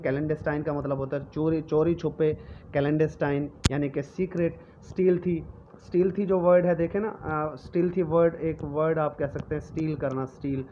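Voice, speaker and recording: A man gives a recorded vocabulary lecture, going over each word again and again and checking in with his students often. His voice sits a little high for a man. The recording is dull and lo-fi, with faint noise underneath. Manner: explains words slowly with many repetitions and "theek hai" check-ins. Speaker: English vocabulary teacher.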